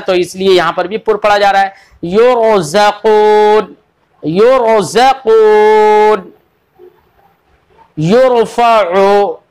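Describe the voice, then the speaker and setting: A man giving an online Quran recitation lesson, patiently repeating each rule, drawing out example words, and addressing his students fondly as children. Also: high-pitched. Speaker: tajweed teacher.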